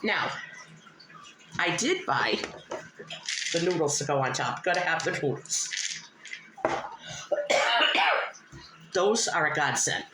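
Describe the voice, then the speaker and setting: Casual home-cooking host: woman, slightly winded, homely and conversational, lively intonation over noticeable background noise. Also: sits low, a little slow, pauses often. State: slightly short of breath, recovering from illness. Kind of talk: casual cooking demonstration to viewers. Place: indoors at home, in a kitchen. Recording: roomy echo, clear background noise.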